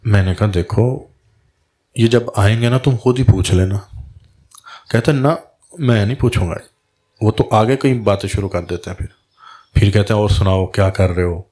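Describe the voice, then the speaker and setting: A man with a fairly low voice gives a storytelling religious talk as a Sufi guide. He slips into quoted voices to act out the back-and-forth of the tale. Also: pauses often. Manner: recounts dialogue in lively quoted voices.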